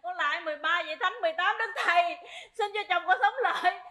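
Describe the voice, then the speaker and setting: A wailing, henpecking wife. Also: female voice, sits high, normal speed, sharp tone. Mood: pleading. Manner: theatrical wailing and pleading. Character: bossy wife humbled, wailing over her husband. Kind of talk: stage comedy sketch. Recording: live stage with audience laughter.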